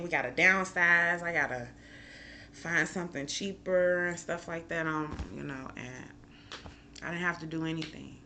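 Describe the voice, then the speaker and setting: A woman's voice: low-pitched, sharp tone, a little hiss or hum. A woman from Chicago, a chef and mother, talking candidly and emotionally in a casual personal vlog, rambling with many fillers. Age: adult with a school-age son. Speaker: chef and mom.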